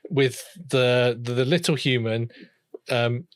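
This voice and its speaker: Give me a podcast co-host who tells a story slowly and easily, full of ums. The voice sits at a middle pitch. The sound is dry and close, with no room in it. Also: dry recording. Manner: relaxed, drawn-out storytelling with fillers. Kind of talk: casual chat.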